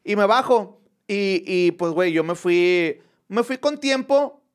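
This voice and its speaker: A man, a comedian and podcast host telling an anecdote in casual chat, animated and full of crude slang. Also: high-pitched, takes it slowly, smooth.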